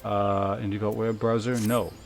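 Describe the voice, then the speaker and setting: A man streaming a game speaks in a lowish, creaky voice with little pitch movement at a moderate pace, and a little hiss or hum can be heard. Over game music, he chats casually, rambling and sometimes profane as he thinks aloud.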